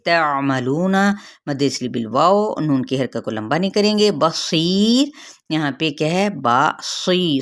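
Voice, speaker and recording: A woman with a Pakistani Urdu accent teaching tajweed, drawing out each word of recitation slowly and then explaining the rule. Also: sits low, creaky. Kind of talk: tajweed lesson.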